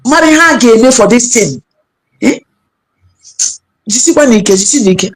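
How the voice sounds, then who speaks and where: A woman's voice: a little high, expressive, measured pace, slightly rough. A woman caller with a Nigerian Igbo accent, talking in an agitated, repetitive way and switching between languages. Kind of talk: impassioned call-in talk mixing languages.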